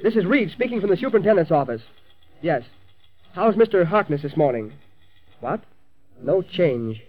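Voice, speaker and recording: High-voiced railroad boss, dull vintage recording. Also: male voice, big pitch swings, moderate pace. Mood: worried, subdued. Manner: urgent, plain-spoken, commanding. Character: earnest, steady railroad superintendent in charge of crew. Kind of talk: old-time radio drama acting. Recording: dull, lo-fi old radio recording.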